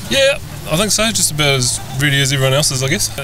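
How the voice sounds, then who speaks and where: Understated Kiwi man over loud music. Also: on the high side, very animated, fast talker, a crowd in the background. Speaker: speedway driver being interviewed. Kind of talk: casual interview. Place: outdoors at a speedway track. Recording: outdoor trackside, music and vehicles behind.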